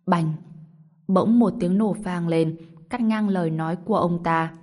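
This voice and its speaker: A woman reading a fantasy novel aloud as audiobook narrator in an even storytelling delivery. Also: fairly low pitch, moderate pace. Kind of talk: scripted narration.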